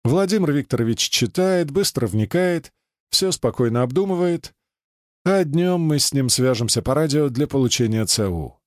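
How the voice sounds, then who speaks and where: A man reading an audiobook in the first person, expressive and animated. His pitch sits in a middle range but moves a lot, and the sound is dry and close. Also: moderate pace, dry recording. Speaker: audiobook narrator.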